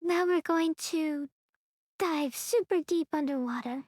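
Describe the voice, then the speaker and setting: A woman's voice: sits high, measured pace, a little mellow, no echo, studio quality. A young woman streaming a game with a friend, chatting in a giggly, bubbly way. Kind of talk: casual gaming chat.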